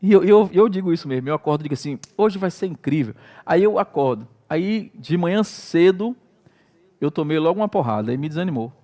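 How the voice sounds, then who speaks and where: A middle-aged Brazilian pastor preaches in a loose, storytelling style, acting out his own prayers and exclamations. His voice is high for a man, mellow, a little fast, with lively intonation, and his Brazilian Portuguese accent stays clear throughout.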